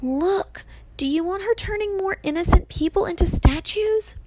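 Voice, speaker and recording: A woman voicing a clever, bossy young heroine in a storybook, brisk and insistent. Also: on the high side, animated, no echo, pitched above the performer's own voice. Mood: urgent, insistent.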